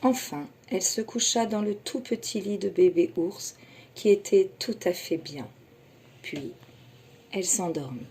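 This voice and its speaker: A kindergarten teacher, a woman, reading a children's story aloud slowly and expressively. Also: medium pitch, warm tone, slight background noise.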